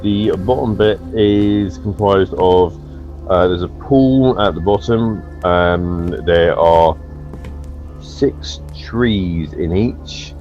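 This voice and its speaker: A man with a very low voice gives hesitant, halting descriptions during a co-op game. He sounds unsure as he goes, signing off like a radio operator. The sound is a little dull, with faint game music behind him. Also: darkish tone. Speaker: let's play gamer. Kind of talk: co-op game commentary, radio-style relaying of clues.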